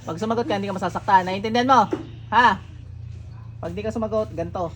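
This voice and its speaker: A man's voice: high-pitched, fast, a bit bright. A man, a faith healer leading a ritual, sternly taunting and interrogating spirits. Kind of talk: healing ritual, commanding spirits. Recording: noisy room recording.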